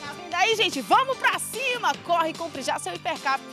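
A woman's voice: extremely high pitch, big pitch swings, moderate pace, over music. A young adult woman with a Brazilian accent doing upbeat promotional reporting on a handheld mic in a street. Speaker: field reporter for lottery show. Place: residential street outdoors. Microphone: handheld microphone.

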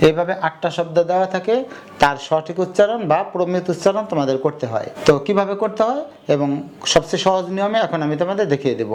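A young man teaching an online grammar lesson, explaining step by step and saying example words again slowly. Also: high-pitched, lively intonation, a little hiss or hum. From Bangladesh.

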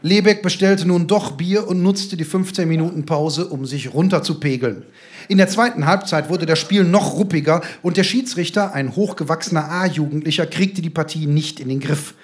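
A man reading his own comic short story aloud with lively, deadpan storytelling. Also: a little high, moderate pace.

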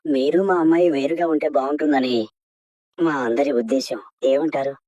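An actress playing a relative who speaks formally during marriage talks in a TV serial drama. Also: female voice, low voice, steady tone, normal speed, dark tone, no echo, dull audio.

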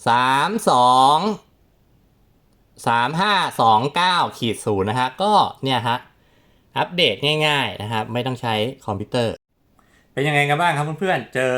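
A man's voice: fairly low pitch, a bit bright. A man from Thailand hosting a casual step-by-step phone tutorial, chatty and polite. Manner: chatty, polite, many ครับ and ฮะ particles. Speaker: tech tutorial host.

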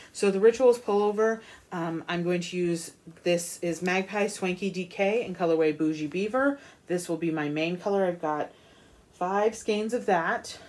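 A woman's voice: lowish voice, a little mellow. A woman hosting a knitting podcast, chatting casually about her yarn purchases with lots of ums and restarts. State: has the hiccups. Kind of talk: casual show-and-tell chat.

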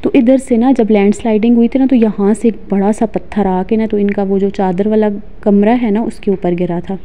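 Holding her phone at arm's length, a Pakistani woman in her thirties narrates a walking vlog in a mountain village, chatty and reminiscent with many fillers. Her medium-pitched voice has fairly even intonation and a fairly quick pace, with phone-quality sound.

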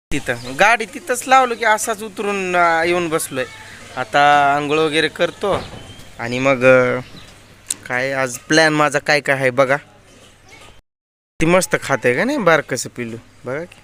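A man's voice: on the high side, pushed and bright, slight background noise. A man, chatting casually to viewers in a daily village vlog, filming on his phone. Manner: chatty, addresses viewers directly. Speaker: vlogger.

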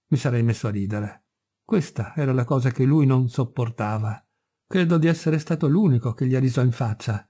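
A man voicing a delirious, spiteful first mate who rants and mocks in a shrill, unhinged way. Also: vocal fry, dark tone, breathy edge. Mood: scornful. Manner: ranting, mocking, shrill when furious.

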